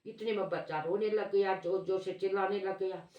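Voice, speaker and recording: A woman's voice: medium pitch, fairly even intonation, normal speed, darkish tone, dull audio. A woman telling a moral folk tale unscripted, with frequent restarts. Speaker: storyteller, vlog host. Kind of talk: oral storytelling of a moral tale. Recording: roomy echo, distant mic.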